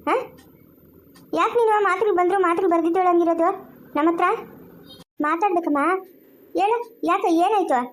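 Woman doing a kind village mom, rural chikkaballapur kannada accent, coaxing and repeating herself, really high voice. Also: fairly quick, pauses often. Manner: coaxing, soothing, repeats questions loudly. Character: kindly village mother consoling a girl. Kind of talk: homemade village family skit.

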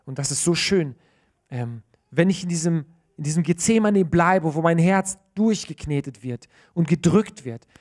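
Male preacher, 30s, earnest church sermon, animated delivery, lots of fillers and restarts. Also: a little high, normal speed.

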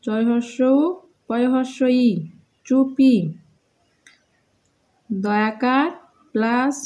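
A woman with a Bengali accent leads a children's spelling lesson. She speaks very slowly in a sing-song way, sounding out each letter and word. Her voice sits fairly high and has a soft, mellow tone. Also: fairly even intonation, low-quality recording. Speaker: teacher for young children.

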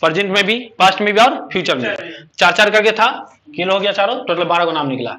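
Bright, high-voiced male teacher quizzing a class. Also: expressive, fast talker. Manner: call-and-response questioning. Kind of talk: classroom English grammar lesson.

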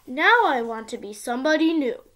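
A girl of about ten with an expressive, sing-song delivery, reading a storybook aloud as if to small children. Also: high-pitched, a little fast, background noise. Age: child, around ten. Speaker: young video channel host reading a picture book. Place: small indoor room at home.

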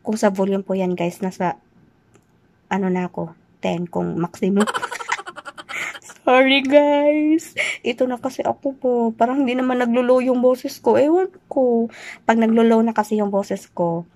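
A young woman from the Philippines, a nurse working abroad, chatting loudly and teasingly as she answers questions in a casual vlog. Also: a little high, moderate pace, slight background noise. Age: young adult. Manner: loud, chatty, teasing, jokes then says she's kidding. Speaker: vlogger, overseas dental nurse.

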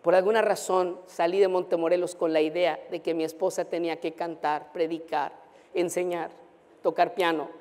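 A male pastor telling a personal story in a lively, anecdotal preaching style. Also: a little high, moderate pace. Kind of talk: storytelling sermon. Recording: long hall reverb.

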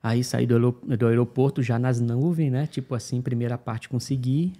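A man from Brazil tells a travel story in relaxed, casual conversation, acting out the people he met. His voice is dark and mellow, sitting at a middle pitch. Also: moderate pace. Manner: animated, acts out dialogue with voices. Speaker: guest telling travel story.

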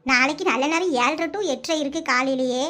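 A woman's voice: high voice, fairly quick, pushed and bright, pitched below the performer's own voice. A woman voicing an elderly grandmother who fusses over auspicious times and her granddaughter. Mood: fussing. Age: older.

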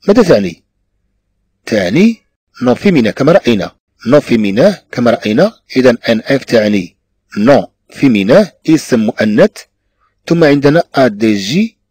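A man from Morocco with a Moroccan Arabic accent, teaching a lesson and repeating each phrase slowly while switching between Arabic and French. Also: medium pitch, a little mellow, slightly rough, no echo. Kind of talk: classroom lesson on French dictionary use.

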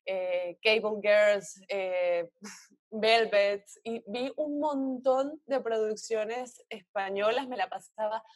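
A woman in her thirties from Venezuela with a Venezuelan accent, chatting as an actress guest in an interview and telling animated stories, quoting herself and others along the way. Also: medium pitch, takes it slowly, no echo. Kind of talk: casual interview chat.

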